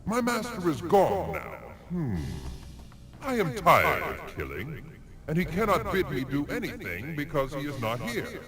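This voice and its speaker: Casting: slow-witted, weary game guardian, deliberate pace, very dramatic rise and fall. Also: male voice, on the high side, wildly swooping pitch. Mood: weary, musing. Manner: ponderous, deliberate. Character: weary, slow-witted castle guardian monster, loyal killer. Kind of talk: video game character acting.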